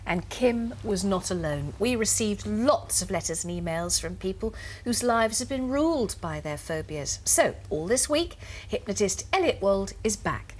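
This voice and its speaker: A woman's voice: medium pitch, expressive, moderate pace, hardly any pauses, slightly rough. A woman presenting and interviewing in a daytime television style.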